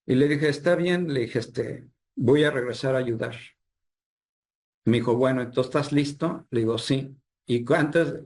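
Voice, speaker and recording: Earnest Mexican man recounting a vision. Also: medium pitch. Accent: Mexican Spanish. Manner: earnest, re-enacts dialogue in his telling. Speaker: healer and spiritual guide, guest. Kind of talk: storytelling interview.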